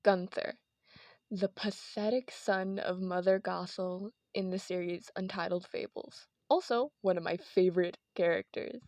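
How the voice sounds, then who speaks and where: A woman's voice: lowish voice, steady tone, a little slow, a little mellow, no room sound. A woman with a lisp and whistling s, narrating an informal, partly scripted video essay into a headphone mic. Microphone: headset microphone from headphones.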